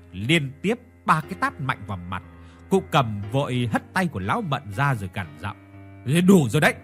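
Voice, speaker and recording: A man's voice: medium pitch, a bit bright. A man narrating a village ghost story in a dramatic storytelling style, acting out each character. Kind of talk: scripted horror story narration. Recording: narration over faint background music.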